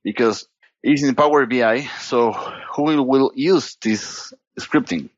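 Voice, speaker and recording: A data platform expert from Costa Rica, speaking with a Costa Rican Spanish accent, appears as a guest on a casual podcast interview, often halting, restarting sentences and leaning on "you know." His voice is medium-pitched, and the recording is dry with the highs cut off.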